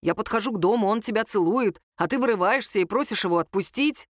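A woman reading a story voices an angry young man, an indignant, shouting older brother. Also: mid-range voice, quick pace, dry recording, clean studio sound, close to an everyday voice.

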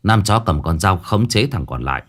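A man narrating a first-person story in a gruff, dramatic way. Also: sits low, expressive, normal speed. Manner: gruff and dramatic, acting out his own shouted lines.

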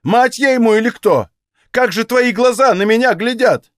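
A man reading as a grieving, bitter old Cossack mother who scolds in sharp rural speech. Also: very high-pitched, normal speed, no room sound, clean studio sound, voice pushed up. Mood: reproachful.

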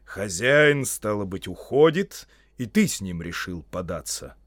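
A man's voice: lowish voice, big pitch swings, unhurried, fairly bright tone, dry recording, studio quality, exaggerated voice. A man voicing a stern old male wizard who speaks in a commanding manner, in an audiobook. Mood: gruff teasing.

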